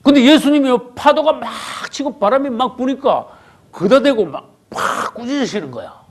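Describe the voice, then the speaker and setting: A man pastor preaching a sermon, emphatic, asking the congregation rhetorical questions and swinging from loud bursts to low murmurs. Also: expressive, moderate pace.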